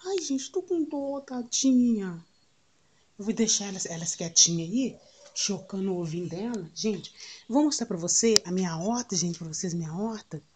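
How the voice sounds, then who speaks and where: Soft-spoken Brazilian woman filming at home. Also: fairly low pitch, brisk, a little hiss or hum. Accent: Brazilian Portuguese. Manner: tender, cooing, drops to soft near-whisper. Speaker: vlogger. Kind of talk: casual home vlog. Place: outdoors at home in strong sun. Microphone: phone camera held while filming.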